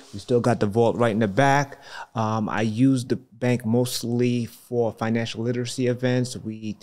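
A man's voice: mid-range voice, a little mellow. A man with a Brooklyn accent in casual podcast chat, slangy and conversational, often saying "you know". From Brooklyn, New York. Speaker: podcast guest, real estate entrepreneur.

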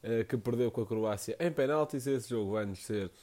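A man's voice: mid-range voice, moderate pace, mellow. A man with a European Portuguese accent casually introducing a football podcast as its host.

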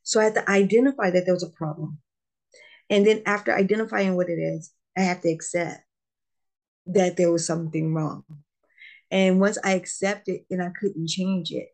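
A woman's voice: lowish voice, gravelly. A middle-aged woman, a guest in an interview, speaking earnestly and emphatically about faith and loss, often repeating her phrases. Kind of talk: testimony interview.

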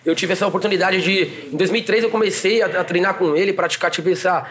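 Man, Brazilian Portuguese accent, high voice, rapid slangy delivery for casual podcast reminiscing. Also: steady tone, a bit bright. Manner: slangy, recounting memories informally. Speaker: breakdancer on a podcast.

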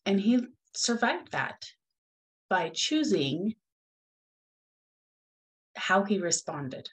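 A woman's voice: mid-range voice, very animated, very slow, rough recording. A middle-aged woman hosting her own podcast, talking in an earnest, upbeat, encouraging way. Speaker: podcast host. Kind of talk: solo podcast talk.

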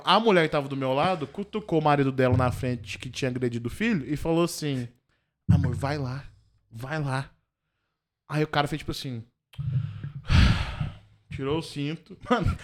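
A man's voice: fairly high pitch, a little fast. A man from Minas Gerais telling a funny travel story in a casual chat, acting out the voices and laughing often. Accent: Brazilian Portuguese, from Minas Gerais. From Minas Gerais, Brazil. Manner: excitable, acts out voices, laughs a lot.

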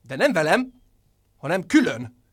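A man's voice: fairly high pitch, big pitch swings, breathy edge, voice pushed up. A man voicing Dér, a small boy twin from a storybook, in a raised voice that stammers when scared. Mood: proud. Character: timid boy twin Dér, fairy-tale hero.

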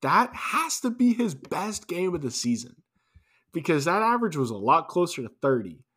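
A man's voice: on the high side, sing-song, moderate pace, a bit bright, slightly rough. A man co-hosting a casual sports podcast, talking loosely with restarts and wry asides. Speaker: podcast co-host.

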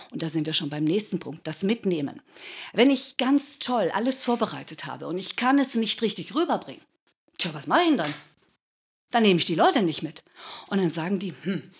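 Woman in her 50s coaching how to give talks, husky breathy voice, lively and jokey. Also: mid-range voice. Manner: lively, demonstrative coaching with playful asides. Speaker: speaking coach. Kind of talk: instructive advice in a talk show. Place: studio.

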